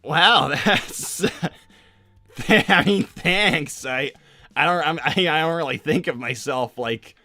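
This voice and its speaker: A man's voice: on the high side, takes it slowly, sharp tone, no room sound, clean studio sound, soft background music, exaggerated voice. A man voicing a laid-back, unsure young cartoon hedgehog hero, chatting casually in character with a hesitant slacker drawl. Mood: flattered, hesitant. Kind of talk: improvised in-character livestream chat.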